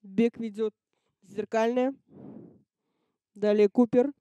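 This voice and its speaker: A woman's voice: on the high side, steady tone, takes it slowly, warm tone, no room sound. A woman giving live harness racing commentary in short, terse announcements. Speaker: race commentator.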